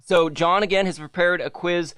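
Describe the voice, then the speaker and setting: A young man in easy podcast chat, his voice sitting a touch high. He rambles, catches his own slips and laughs along the way. The sound is dry and close, with no room around it. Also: fairly even intonation, moderate pace, a bit bright, clear, resonant tone, no echo. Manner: rambling, self-correcting, laughs often. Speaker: podcast co-host. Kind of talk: casual chat.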